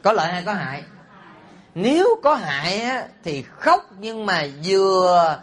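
Animated monk preaching. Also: male voice, high-pitched, unhurried. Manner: animated, often asks the audience rhetorical questions; teasing and humorous. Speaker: Buddhist monk teacher. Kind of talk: sermon.

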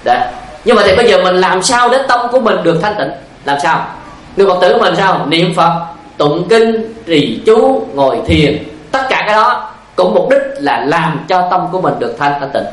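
A man's voice: high voice, sing-song, normal speed, echoey room, rough recording. A male Buddhist monk giving a dharma talk, asking rhetorical questions and telling stories. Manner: repetitive, asks rhetorical questions, tells stories. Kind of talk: sermon with anecdotes.

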